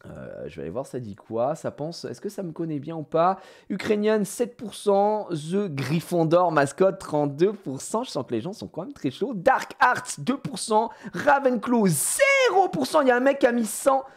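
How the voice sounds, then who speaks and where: Guy streaming live, voice jumps all over the place, loud one sec then muttering to himself, swears a bit. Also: fairly high pitch, normal speed, hardly any pauses. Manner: animated, swings from loud exclamations to muttering; swears casually while fiddling with the computer. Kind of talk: casual live-stream chat.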